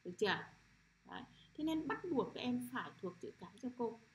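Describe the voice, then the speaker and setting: A middle-aged woman teacher leading a children's phonics lesson, sounding out syllables slowly and often asking if the class has understood. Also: on the high side, sing-song, dull audio. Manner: repetitive, checks understanding with frequent "được chưa?".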